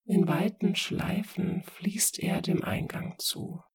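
A reader narrating dark poetic passages slowly in a hushed, whispery voice. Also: medium pitch, steady tone, vocal fry, breathy edge. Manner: slow, hushed and whispery reading. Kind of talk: scripted narration.

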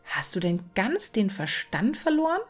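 A woman's voice: mid-range voice, sing-song, moderate pace, slightly rough, faint music behind. A woman voicing a worried female hedgehog who complains to her husband. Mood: fretful. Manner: lamenting, worried. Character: fretful female hedgehog wife.

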